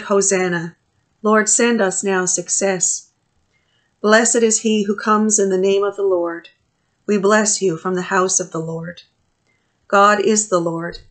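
A middle-aged woman priest leads a morning prayer service from a small office, reading scripture and prayers into a webcam at desk distance. Her medium-pitched voice is measured and steady, with pauses between phrases as she reads the liturgy aloud.

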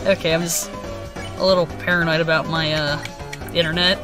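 A woman's voice: sits low, flat delivery, moderate pace, over music. A woman giving casual commentary as host of a video game let's play.

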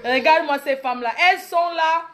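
Soft music underlies this fairly quick, fairly bright, high-sitting voice. The speaker, a Cameroonian French-accented comedic vlogger in her late thirties, performs a boastful, brash monologue that makes fun of her critics.

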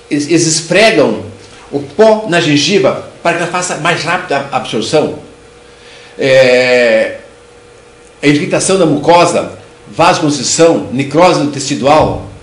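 An older man with a Brazilian Portuguese accent delivers a clinical lecture on oral disease, patient and explanatory. He often repeats and restarts words as he goes. His voice sits a little high and carries the echo of a book-lined room. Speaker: lecturer, dental surgeon. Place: room with bookshelves. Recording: echoey room sound.

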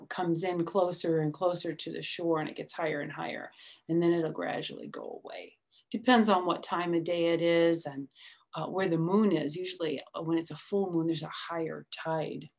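Reading a children's picture book aloud at home in a small indoor room, a middle-aged woman with a lowish voice takes it slowly and expressively. She is a storytime reader who adds chatty, simple explanations for young kids.

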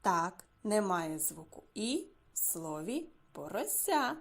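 A woman teaching a speech lesson to preschool children, saying each word slowly and clearly and repeating it. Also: lowish voice, very animated. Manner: slow, clearly articulated words, repeated for children. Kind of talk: slow lesson for small children.

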